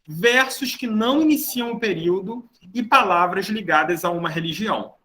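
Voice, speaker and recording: A man's voice: high-pitched, moderate pace, sharp tone. A man teaching a grammar lesson to a class, explaining rules step by step and often checking that students are following. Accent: Brazilian Portuguese. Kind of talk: online grammar lecture.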